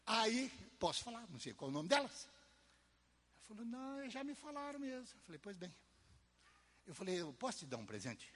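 A man delivers a testimony sermon in a husky, fairly high voice. His storytelling is animated, dropping to soft asides and rising to loud emphasis, and a long reverb trails his words through the hall. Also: a little fast, pauses often. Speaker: preacher.

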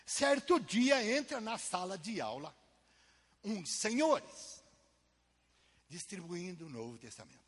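A man preaching a testimony sermon, telling a story in an animated way, swinging from soft asides to loud emphasis, with a husky voice. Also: sits high, slow, long pauses. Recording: long hall reverb.

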